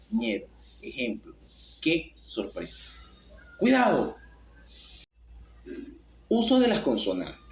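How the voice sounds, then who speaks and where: A man's voice: fairly high pitch, slight background noise. A man reading a school lesson aloud from his notes, stumbling and restarting words now and then. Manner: reads from notes with halting restarts. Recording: echoey room, dull lo-fi sound.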